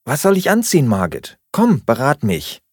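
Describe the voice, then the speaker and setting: A man voicing a flustered young woman hurriedly packing for a trip, talking fast and pleading. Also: mid-range voice, big pitch swings, no room sound, clean studio sound, voice pushed up, close to an everyday voice. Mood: excited.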